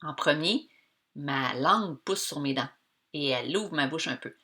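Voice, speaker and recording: Québécois female teacher for a kids' lesson, bright, slow, very animated, drawn-out sounds, encouraging. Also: sits low. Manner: slow, stretched-out sounds of words for young learners; encouraging, addresses pupils directly. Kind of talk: children's reading lesson.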